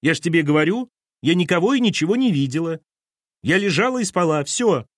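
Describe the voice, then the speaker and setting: A man's voice: expressive, a little fast, dry recording, studio quality. A man voicing a nervous young pregnant woman who keeps crying out in desperation in an audiobook. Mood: desperate. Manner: shrill, cries out in desperation.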